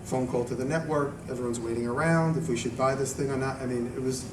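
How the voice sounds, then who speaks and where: A man's voice: medium pitch, fairly even intonation, quick pace. A man speaking informally to a live audience as a video maker, in a rambling, conversational way that often doubles back on itself. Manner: conversational, rambling, self-interrupting. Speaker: video maker giving a talk and taking audience questions. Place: echoey room at a live event. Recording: echoey room, distant mic, noisy background.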